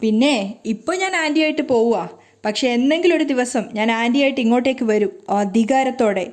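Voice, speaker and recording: A woman voicing a calm, mocking young woman who taunts and challenges her rival in a retold serial story. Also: on the high side, fast, natural voice. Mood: defiant.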